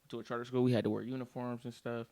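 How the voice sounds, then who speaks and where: A man's voice: mid-range voice, level tone, rapid-fire, warm tone, no echo. A young man in his twenties, a guest actor and musician, chatting casually with laid-back slang and frequent "you see what I'm saying" tags. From Cleveland Heights, Ohio; born in DC. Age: 20s. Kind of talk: casual chat.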